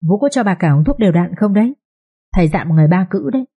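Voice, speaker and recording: A woman's voice: medium pitch, expressive, fast, mellow, breathy edge, dull audio. A woman playing a sugary, scheming second wife. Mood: falsely concerned. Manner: falsely sweet, coaxing. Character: scheming second wife, sweet-voiced and cruel.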